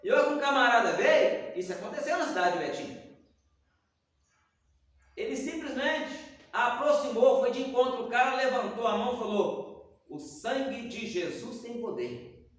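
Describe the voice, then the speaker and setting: A man with a very high-pitched voice teaches a Bible lesson at church at normal speed, acting out conversations as he tells the stories with animation. He is Sunday school staff, recorded from afar in a reverberant hall.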